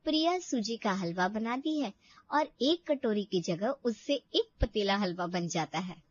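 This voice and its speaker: A woman narrating a cartoon storybook in a plain, even manner. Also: medium pitch, measured pace, lo-fi sound.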